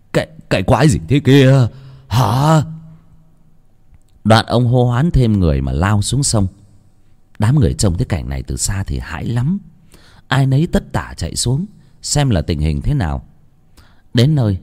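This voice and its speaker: A man's voice: fairly low pitch, warm tone. A man from Vietnam narrating a scripted horror story in a dramatic, vivid way.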